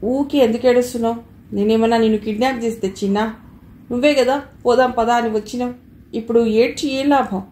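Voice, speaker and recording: A woman's voice: a little high, fairly even intonation, brisk, dark tone, roomy sound, natural voice. A woman voicing a pushy, careless young husband with a Telangana Telugu accent, brash and coaxing.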